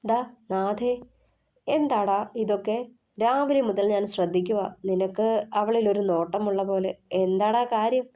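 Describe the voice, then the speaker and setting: A woman's voice: medium pitch, unhurried, muffled recording, close to an everyday voice. A woman reading the part of a curious young male student with a blunt, probing manner.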